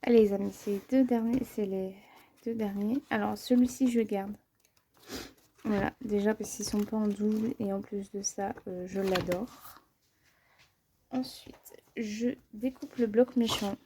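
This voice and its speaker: A woman chatting casually in a vlog about her book collection, hesitant, with many pauses and fillers, sometimes dropping to a near-whisper. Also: mid-range voice, steady tone, dark tone, a little hiss or hum.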